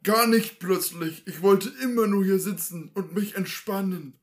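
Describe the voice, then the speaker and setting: A podcast host voicing a placid husband in a comedy sketch who only wants to sit, answering in short, slow, stubbornly calm lines. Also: medium pitch, voice pushed up, lightly acted.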